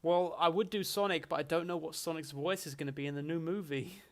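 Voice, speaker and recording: A man hosts a casual livestream, his voice sitting somewhat high for a man. He rambles and jokes his way through chat questions in a loose, chatty manner. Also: steady tone, brisk, fairly bright tone. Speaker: livestream host.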